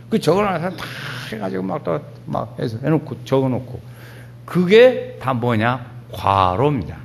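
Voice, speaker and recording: A male pastor preaching a sermon in a folksy, animated storytelling manner, with sudden loud rises. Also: medium pitch.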